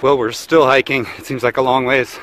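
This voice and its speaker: A man's voice: mid-range voice, a little fast. A man in his thirties narrating a family hiking vlog outdoors on a forest trail, filming himself with a handheld camera. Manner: relaxed, chatty, observational. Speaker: family vlogger. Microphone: handheld camera at arm's length. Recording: outdoor noise behind.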